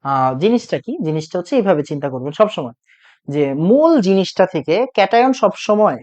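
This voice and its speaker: The voice of this young online chemistry teacher sits high, with big pitch swings, a slightly fast pace and a somewhat mellow quality. He goes over each point again and quizzes his students while nursing a throat made sore by talking loudly.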